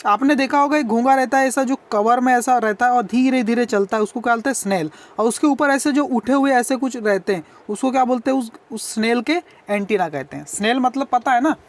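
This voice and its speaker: A woman's voice: a little high, fairly quick, few pauses. A woman teacher explains an English textbook lesson. She poses a question, answers it herself and repeats each word. Now and then she spells a word out letter by letter.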